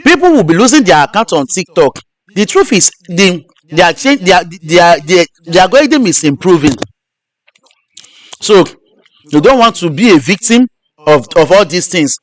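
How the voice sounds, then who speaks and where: A man's voice: high voice, very animated, normal speed. A man hosting a live stream, teaching step by step and repeating his instructions. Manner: repetitive, restarts phrases. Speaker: host.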